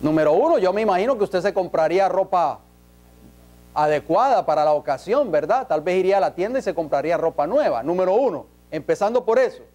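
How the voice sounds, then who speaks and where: A man's voice: high voice, animated, quick pace, a little mellow. A man preaching an emphatic sermon in a church, peppering the congregation with rhetorical questions.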